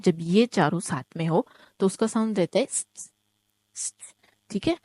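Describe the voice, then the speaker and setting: A woman's voice: medium pitch, dark tone, no echo. A woman teaching German, step by step. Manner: explains step by step, often asks "ठीक है?"; says each example word slowly twice. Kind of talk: online language lesson.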